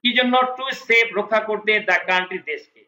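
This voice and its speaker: A man teaching spoken English, who says each English phrase slowly, repeats it and explains it word by word. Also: high-pitched, sharp tone. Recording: echoey room.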